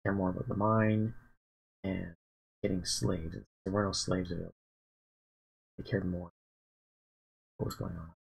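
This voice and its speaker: A man with a deeply gravelly, fry-heavy voice that sounds very husky and breathy. He rambles and halts, with many fillers and restarts, as he thinks aloud about his campaign. He sounds sleepy, like a dungeon master planning on a relaxed stream. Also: a little slow, long pauses, poor audio. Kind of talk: casual livestream, thinking aloud.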